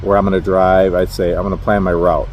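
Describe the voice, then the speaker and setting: Parked at a rest area, this middle-aged truck-driving vlogger from Minnesota chats to camera in a Minnesotan accent, rambling and laughing at himself a lot in a self-deprecating way. He has a deep, slightly mellow voice with a flat delivery and a fairly quick pace. A bit of hiss or hum runs under the audio.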